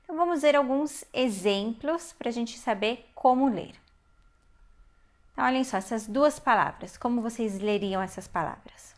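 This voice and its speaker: A woman teaching a Hebrew reading lesson, explaining patiently step by step and slowing down to spell out syllables. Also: fairly high pitch. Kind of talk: online language lesson.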